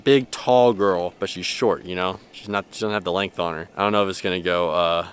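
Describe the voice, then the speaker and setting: A young man who is excitable, says "y'all" a lot, and narrates his fishing outdoors on a boat, recorded by an action camera. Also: low-pitched, fairly quick, slight background noise. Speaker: fishing vlogger. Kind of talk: casual narration and on-the-water commentary. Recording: background music in the mix.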